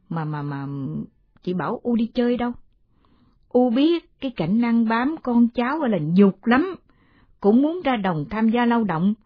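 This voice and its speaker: A woman's voice: mid-range voice, husky, no room sound, lo-fi sound. Woman doing a meek proud old grandmother. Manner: plaintive, pleading. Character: elderly village mother-in-law, meek but proud.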